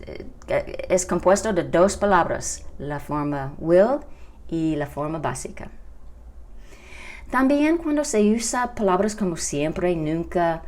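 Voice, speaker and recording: A woman teaching English to Spanish speakers. She explains slowly and repeats each English example with care. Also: on the low side, darkish tone. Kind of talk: Spanish-language English lesson. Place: home during quarantine.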